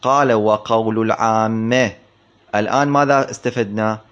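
A man teaching a grammar text in class, explaining slowly, repeating words for emphasis and posing questions to his students. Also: lowish voice, steady tone, a bit bright. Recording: dull lo-fi recording.

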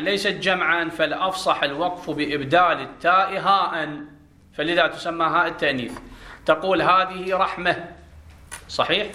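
A man gives a grammar lesson and keeps quizzing his class with questions. His voice sits a little high and sounds bright and forceful. It rings in an echoey classroom. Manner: explains step by step, quizzing students with questions. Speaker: Arabic grammar teacher.

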